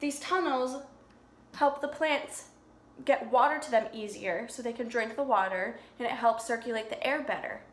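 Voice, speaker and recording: Reading aloud to little kids in an echoey room, this woman sounds a bit high and keeps a moderate pace. She explains the picture book in plain words and prompts the children with questions, as a preschool teacher would.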